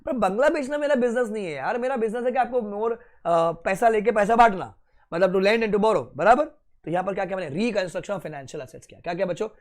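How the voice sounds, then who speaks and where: High-voiced lecturer quizzing his students. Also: moderate pace. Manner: quizzing, playful, answers his own questions; mixes Hindi and English. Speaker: teacher. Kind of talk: classroom lecture.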